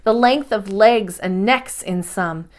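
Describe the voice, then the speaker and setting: With a mid-range voice, a woman tells a children's story as a storyteller would, pacing her phrases carefully and adding expressive, dramatic stress.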